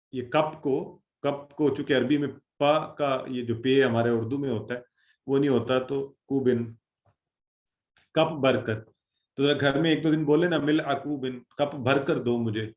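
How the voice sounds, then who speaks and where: This is a man giving an online lesson on Quranic Arabic. He breaks down each word, links it to familiar everyday examples, and checks in with his students through questions. His voice sits a bit high and carries a noticeable room echo. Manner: explains Arabic words with Urdu examples, asks the class questions. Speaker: Quran teacher.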